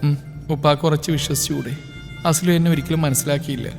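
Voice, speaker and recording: A remorseful young wife speaks quietly, pleading and full of regret, as a male narrator reads her in his own voice. This audio story carries long reverb. Faint music runs underneath. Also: on the high side, steady tone, fairly quick, gravelly. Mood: regretful. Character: young wife, guilt-ridden and tearful.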